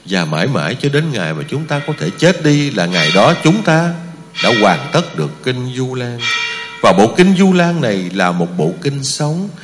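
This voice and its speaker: A man delivers a Buddhist sermon in an emphatic, lively voice whose pitch rises and falls widely. He keeps turning to his listeners with rhetorical questions. His voice rings out in a large hall with a long, lingering reverb. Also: moderate pace, over music. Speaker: Buddhist preacher. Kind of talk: sermon to a lay congregation.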